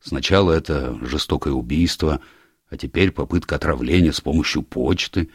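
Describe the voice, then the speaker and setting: Man reading a calm, probing country doctor. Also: a bass voice, normal speed, slightly rough, no room sound, clean studio sound. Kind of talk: audiobook character reading.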